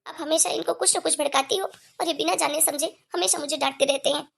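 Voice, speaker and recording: A woman's voice: sits high, brisk, gravelly. A woman voicing a young wife and mother of two in a cartoon, talking earnestly and pleadingly. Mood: hurt.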